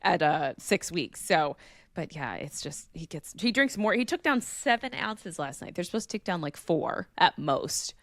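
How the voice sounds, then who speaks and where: Lively new-mom podcast host, swoops up and down, laughs a lot, close dry sound. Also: female voice, on the low side, normal speed, no echo. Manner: animated, laughs often, playful. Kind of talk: casual chat.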